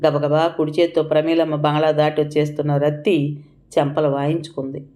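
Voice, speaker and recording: A woman's voice: sits low, flat delivery, a little fast, dark tone. A woman narrating a story as an audiobook, reading with feeling and taking on the characters' cries and pleas.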